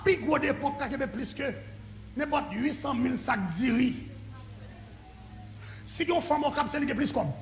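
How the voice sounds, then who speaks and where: A male pastor with a Haitian French accent telling his story in a sermon, excited and often breaking into shouts. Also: extremely high pitch, a little slow, long pauses, soft background music. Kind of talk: preaching sermon testimony.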